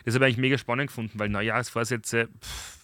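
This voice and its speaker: A young man, a podcast host, chatting casually and acting out stories with lively dialogue. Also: medium pitch, fast, smooth, no echo. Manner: animated storyteller, acts out dialogue. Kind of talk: casual chat.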